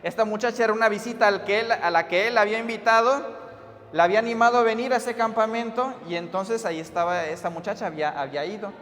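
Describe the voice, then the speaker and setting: High-voiced Mexican preacher in a reverberant hall. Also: male voice, fast, fairly bright tone. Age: adult, father of a daughter. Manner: retells a story, acting out the quoted speech. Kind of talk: storytelling sermon. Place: church hall.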